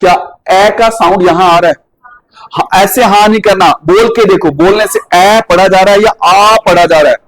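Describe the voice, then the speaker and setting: A man's voice: high voice, moderate pace, a bit bright, poor audio. A man with a Rajasthani Hindi accent teaching a class. He keeps asking students questions and drills their pronunciation.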